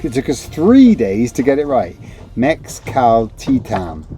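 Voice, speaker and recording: A man's voice: medium pitch, wildly swooping pitch, moderate pace, warm tone. A man from the UK co-hosting a travel vlog, easygoing and laughing often. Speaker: travel vlogger. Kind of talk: casual travel vlog chat.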